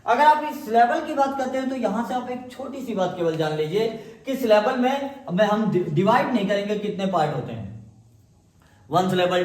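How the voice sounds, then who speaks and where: High-voiced teacher in echoey room. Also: male voice. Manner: asks questions and answers them himself; repeats key words for emphasis. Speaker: English teacher. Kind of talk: classroom grammar lesson in Hindi.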